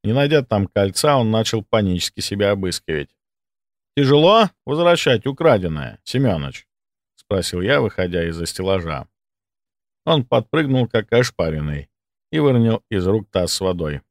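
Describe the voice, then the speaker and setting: A man reading a first-person audiobook in a dry, ironic tone. His pitch moves lively up and down. The recording is close and dry. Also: normal speed, no room sound. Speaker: audiobook narrator.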